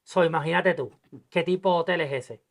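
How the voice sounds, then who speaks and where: Brisk and on the high side, with vocal fry, this man hosts a podcast, chatting about politics with a guest. He's emphatic and performs the quoted lines in his anecdotes.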